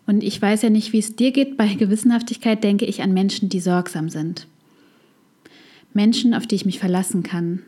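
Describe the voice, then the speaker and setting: A woman psychologist hosting a self-help podcast, speaking in a calm, scripted way straight to the listener. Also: mid-range voice.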